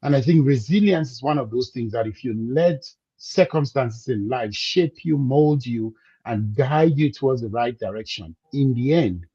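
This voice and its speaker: A man, a business coach speaking as a guest, measured and reflective, slowing down to stress his points. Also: mid-range voice, animated, dark tone, slightly rough, no room sound, dull audio. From Cameroon. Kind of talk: conversational interview.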